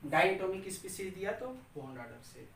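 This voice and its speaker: A man's voice: sits high, expressive, brisk, vocal fry, fairly bright tone. Man teaching chemistry in an echoey classroom. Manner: drills students by asking questions and answering them himself; repeats key terms in a chanting rhythm. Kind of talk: classroom lecture. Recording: echoey room, distant mic, faint hiss.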